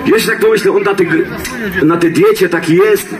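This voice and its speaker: On an outdoor stage in a town square, a middle-aged Silesian comedian and singer banters with the audience in dialect, folksy and joking, circling back over his own lines. His voice is high and moderately paced, carried by a handheld microphone through loudspeakers. The clip was shot from among the spectators, capturing the live PA, music and crowd noise.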